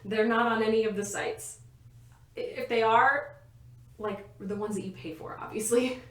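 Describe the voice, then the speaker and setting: A woman's voice: a little high, fairly even intonation, moderate pace, a bit bright. A young woman co-hosting a casual podcast from a bedroom, rambling and laughing often mid-sentence. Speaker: podcast co-host. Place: a bedroom at home. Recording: roomy bedroom echo.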